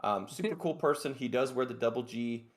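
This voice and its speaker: A man's voice: medium pitch, a little fast. A man co-hosting a podcast in laid-back casual chat, with slang. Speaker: podcast co-host.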